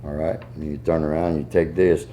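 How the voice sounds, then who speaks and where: A man's voice: extremely low pitch, level tone, fairly quick, warm tone, dull audio. A man with a Southern US accent giving a casual hands-on tutorial in a folksy, step-by-step way. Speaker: goose call maker giving a tuning demonstration.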